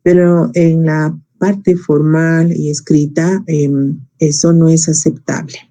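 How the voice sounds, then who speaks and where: A man's voice: a little high, level tone, slow, warm tone. A man teaching an English grammar class in Spanish, explaining patiently step by step and quizzing his students.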